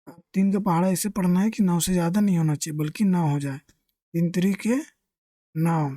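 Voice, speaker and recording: A maths teacher explains a lesson step by step in a mellow, warm voice. Questions are posed and answered in the same breath, with constant friendly address to the viewers. The sound is close and dry, with no room echo. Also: medium pitch, fairly even intonation, moderate pace. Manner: asks questions and answers them himself; keeps addressing listeners as friends.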